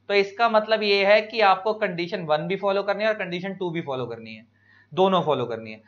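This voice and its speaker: An Indian man lecturing students, explaining each point slowly with examples and stretching key words. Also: high-pitched, fairly bright tone. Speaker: teacher. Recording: dull lo-fi recording.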